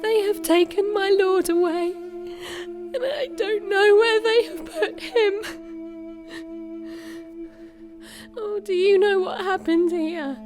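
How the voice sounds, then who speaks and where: Woman playing a tearful, grieving disciple woman. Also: very high-pitched. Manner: tearful, breathless pleading. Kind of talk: audio drama acting.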